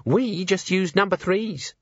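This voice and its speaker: A man's voice: a little slow, no room sound, muffled recording. A man reading aloud and voicing a nervous young maid who stammers and speaks humbly. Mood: timid. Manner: stammering, deferential, lower-class speech.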